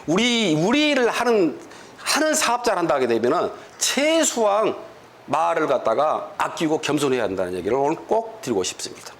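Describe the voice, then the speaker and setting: A man's voice: a little high, normal speed. A man giving a motivational lecture to business distributors, telling stories and asking the room rhetorical questions, sometimes acting out quarrels in dialect. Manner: animated storytelling with rhetorical questions; acts out dialect quarrels in quoted voices.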